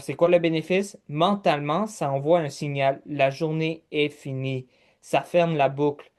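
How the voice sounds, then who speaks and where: A man's voice: fairly high pitch, a little mellow. A man with a Québécois accent hosting a podcast, walking the listener step by step through points in casual chat. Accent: Québécois French. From Quebec. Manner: structured, listing steps, talks to listener directly. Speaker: podcast host.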